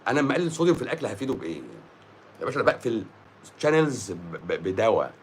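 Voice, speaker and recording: A man's voice: mid-range voice, big pitch swings, racing, a little hiss or hum. A man with an Egyptian accent, a doctor giving a blunt, scolding monologue on a live stream and mixing English words into his speech.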